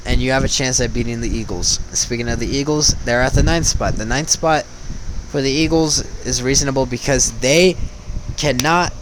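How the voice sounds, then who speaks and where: A man's voice: fairly high pitch, a little hiss or hum, rough recording. A young man giving casual sports commentary, chatty and slangy, talking straight to the teams. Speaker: sports vlogger.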